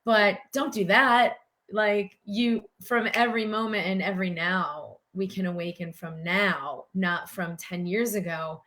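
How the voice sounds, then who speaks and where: A woman's voice: mid-range voice, unhurried, fairly bright tone. A middle-aged woman from the United States, a doctor talking earnestly in an interview and using many filler words. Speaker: doctor and guest. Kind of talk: conversational interview.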